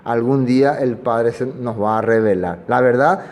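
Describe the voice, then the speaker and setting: A man's voice: mid-range voice, moderate pace, darkish tone, in a large hall. A man preaching, talking in a conversational way and asking his listeners questions. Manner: conversational, asks the audience questions. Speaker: pastor. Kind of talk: expository sermon.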